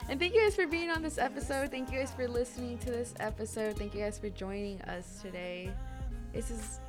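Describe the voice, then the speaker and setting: A woman's voice: a little high, brisk, music in the background. A young woman hosting a podcast, chatting casually and laughing, with swearing thrown in. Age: young adult. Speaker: podcast host. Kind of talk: casual chat.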